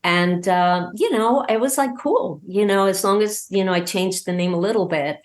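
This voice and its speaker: An audio drama podcast creator, appearing as an interview guest, chats casually about her own creative work and acts out bits of dialogue along the way. She speaks at a moderate pace in a mid-range voice.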